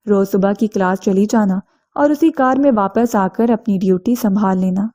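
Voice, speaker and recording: A woman voicing a blunt, self-assured young wealthy man who speaks calmly and matter-of-factly. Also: mid-range voice, lightly acted.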